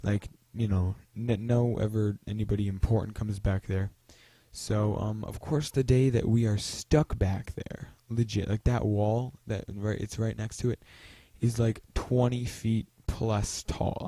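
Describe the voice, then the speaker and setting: Young guy vlogging a story, kinda low mellow voice, dry close mic, rambles w lots of ums. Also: no room sound. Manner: rambling, lots of fillers and restarts. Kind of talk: casual storytelling vlog.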